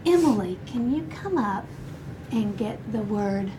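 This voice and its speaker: Over a noisy classroom background full of room noise and young kids, a woman teacher runs an interactive primary school writing lesson. Her medium-pitched voice is animated but measured in pace as she gives instructions and asks the children questions.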